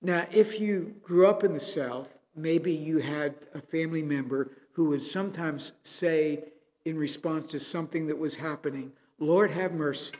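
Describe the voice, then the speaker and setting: A man's voice: on the high side, normal speed, darkish tone, long reverb tail. A man preaching a sermon as pastor, earnest and building to emphatic pleas.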